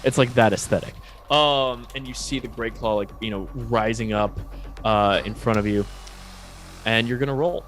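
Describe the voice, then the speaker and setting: A man's voice: mid-range voice, normal speed, a bit bright. A man running a tabletop game as game master, narrating loosely with lots of likes and ums. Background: faint music he is playing.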